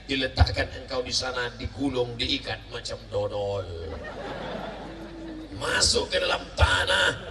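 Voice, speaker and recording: A man preaching a sermon at a large gathering, animated and theatrical, shouting at climaxes and acting out voices. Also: on the high side. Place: large outdoor religious gathering. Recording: echoey, distant, noisy crowd ambience.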